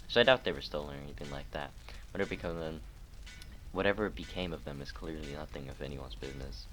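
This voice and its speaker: A man's voice: a bass voice, poor audio. A man reading a cagey male librarian in a video game, warning the listener not to dig further. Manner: warning, hushed, secretive. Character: male librarian, guarded and evasive.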